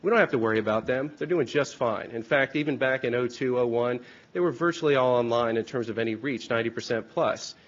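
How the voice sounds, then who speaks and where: Hoarse man presenting, slightly muffled. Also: medium pitch, quick pace. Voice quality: hoarse, congested from a sinus infection. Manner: informal, explanatory, uses rhetorical questions. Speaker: research company president presenting at a hearing. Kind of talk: conference presentation. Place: hearing room with an audience.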